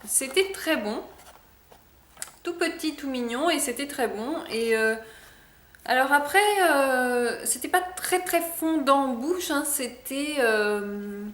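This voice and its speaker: A woman's voice: sits high, lively intonation, slow, a bit bright. Woman vlogger rambling about stuff she used up, lots of ums, bit of room echo. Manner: chatty, hesitant, many fillers. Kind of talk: casual product review vlog.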